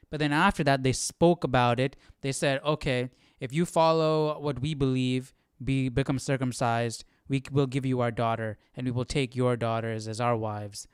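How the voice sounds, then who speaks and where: A man hosts a casual Bible study livestream, thinking aloud in a hesitant, questioning way and often checking in with the listener. His medium-pitched voice is clear and resonant, captured as clean studio sound with no echo.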